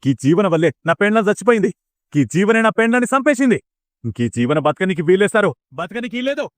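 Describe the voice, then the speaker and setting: A man's voice: high-pitched, big pitch swings, fast, dry recording. A man voicing a grieving, hot-tempered village father with a Telangana accent, blunt and angry. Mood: vengeful. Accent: Telangana Telugu.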